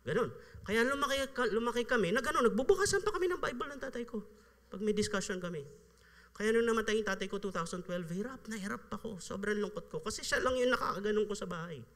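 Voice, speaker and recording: A pastor with a high-sitting, slightly bright voice preaches fast and conversationally, acting out the people he quotes and laughing often. The live church recording carries a long reverb.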